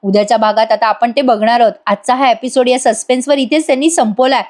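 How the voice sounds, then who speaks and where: Woman, high voice, fast voice-over recap, talks straight to viewers. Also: steady tone, darkish tone. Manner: fast storytelling, addresses the audience directly. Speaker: serial episode reviewer.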